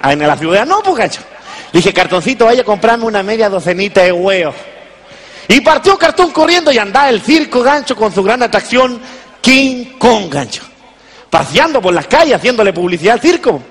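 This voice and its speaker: A man performs a folksy old country grandfather with a rural Chilean accent, rambling through his stories. The voice sits high, and each line rings long in a big hall. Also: big pitch swings, normal speed, a bit bright, heavily acted. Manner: rambling, folksy, repeats a pet word. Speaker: comedian. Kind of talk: stand-up character comedy. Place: large stage before an audience.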